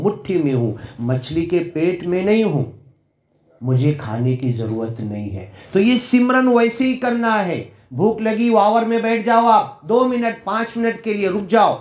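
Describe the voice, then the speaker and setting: Man preaching in an echoey hall. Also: a little high. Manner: rhythmic listing, repeated chant-like phrases. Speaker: spiritual speaker. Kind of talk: devotional sermon. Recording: echoey room, dull lo-fi sound.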